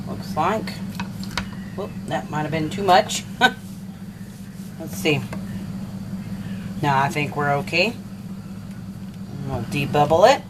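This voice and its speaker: A woman with a low voice walks through home canning in her kitchen, chatting casually and thinking aloud as she goes. The home video has a steady, clearly audible background noise. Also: takes it slowly, long pauses. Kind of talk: casual step-by-step cooking demonstration.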